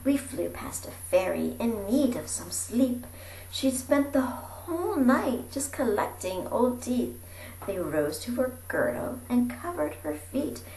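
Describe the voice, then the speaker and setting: An amateur storybook reader with a fairly high voice reads slowly from a rhyming picture book, theatrical and animated, shifting between hushed and projected delivery. She drops into breathy whispers and calls out. Faint background noise and a roomy echo fill the recording.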